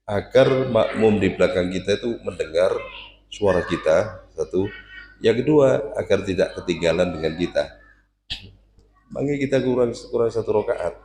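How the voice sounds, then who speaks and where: A lower-pitched man teaches young students in a relaxed, joking way, now and then chanting a line to show them how. His voice rings in a roomy, echoey space with a faint hum of ambience behind it. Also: moderate pace, long pauses. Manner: lively, jokey, demonstrates recitation aloud. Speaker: religious teacher. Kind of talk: casual Quran class teaching. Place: prayer room with students.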